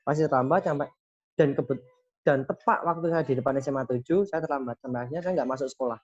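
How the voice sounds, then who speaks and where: A man's voice: mid-range voice, fast, breathy edge, lo-fi sound. A young man earnestly telling a personal story, often quoting the people he met and ending lines with a short tag. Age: young adult. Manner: earnest, quoting dialogue with frequent "gitu".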